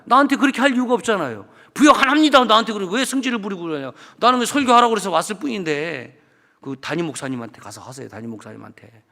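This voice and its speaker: A man, a guest pastor, preaching a storytelling sermon about his own experiences and acting out the dialogue, jumping between loud bursts and quiet asides. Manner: animated, acts out dialogue and swings between loud outbursts and low asides. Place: church sanctuary. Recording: long church hall reverb.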